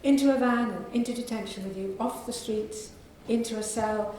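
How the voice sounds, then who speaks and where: At a library event, a woman from England reads from a novel she wrote, her slightly high voice soft, croaky, and darkly mellow. She keeps a measured, unhurried pace and occasionally clears her throat. Faint noise hangs in the background of the highly reverberant room.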